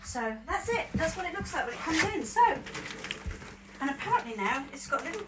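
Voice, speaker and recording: A woman's voice: sits high, big pitch swings, brisk. A middle-aged woman chatting matter-of-factly about a purchase in a small caravan bedroom. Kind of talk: casual product review chat. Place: tiny bedroom in a static caravan. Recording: distant mic with loud background noise.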